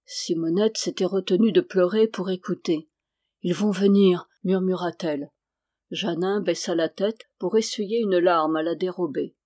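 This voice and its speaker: A woman reading a historical novel aloud in a measured, steady way. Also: on the low side. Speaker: audiobook reader.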